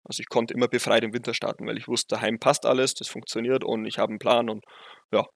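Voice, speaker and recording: A man's voice: mid-range voice, quick pace, vocal fry, no echo. A young man with a Bavarian accent, a bobsledder telling stories as a guest in a casual interview, laughing often. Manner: lively storytelling, laughs often.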